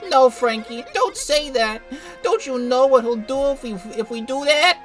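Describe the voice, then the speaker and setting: A lovestruck young mob daughter from a video game, as a man puts her on in falsetto, her voice pitched high and pushed loud with theatrical longing. Faint game music plays underneath. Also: normal speed. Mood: pleading. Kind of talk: playthrough voice acting of game text.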